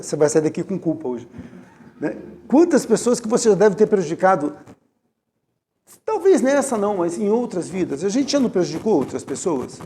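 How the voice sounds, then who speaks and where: In a spiritist center's meeting room, a man with a Brazilian Portuguese accent gives a conversational lecture in a high voice with a dark tone. He tells personal stories and speaks straight to the audience, with slight background noise in the recording.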